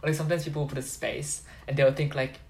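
A woman's voice: low voice, steady tone, quick pace, gravelly. A young woman co-hosting a casual chat, making dry, teasing asides. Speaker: podcast co-host.

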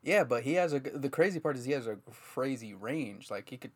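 A man co-hosting a podcast in laid-back casual chat, often trailing off into quieter asides. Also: medium pitch, expressive, fairly quick, breathy edge.

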